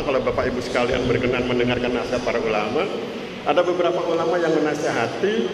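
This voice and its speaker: A man in his sixties, a university lecturer giving a motivational religious talk in a mosque, chatty and joking as he keeps checking in with his listeners. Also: on the high side. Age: 60s. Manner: chatty and joking, often checking in with the audience with 'ya?'. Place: mosque hall. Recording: echoey hall with background noise.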